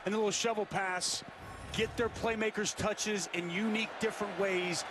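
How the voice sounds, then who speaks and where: High-voiced male football color commentator. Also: fairly even intonation, moderate pace, noisy background. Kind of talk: live football analysis.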